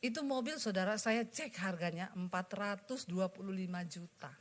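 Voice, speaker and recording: A woman, giving a lively sermon testimony to a congregation and acting out dialogue as she tells it. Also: mid-range voice, moderate pace. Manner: animated storytelling, acting out dialogue with laughs.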